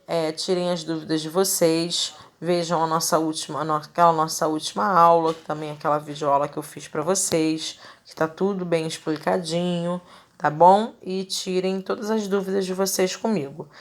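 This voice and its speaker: A woman's voice: on the low side, flat delivery, moderate pace. A woman teacher giving a recorded grammar lesson, enunciating example words carefully and checking in with her students in a friendly way. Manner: friendly, checks in with "tá bom, gente?".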